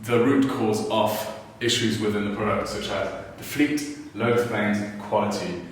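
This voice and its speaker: A man's voice: fairly low pitch, measured pace. A man with French and German roots giving a team case presentation, methodically listing points. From France and Germany. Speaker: student presenter. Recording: echoey room from a distance with background noise.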